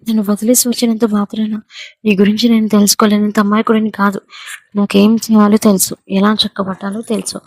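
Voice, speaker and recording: A woman's voice: medium pitch, level tone, fast talker, a little mellow, no echo, close to an everyday voice. A woman voicing a harsh, scornful young man in a spoken story. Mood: taunting. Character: young man, angry and taunting.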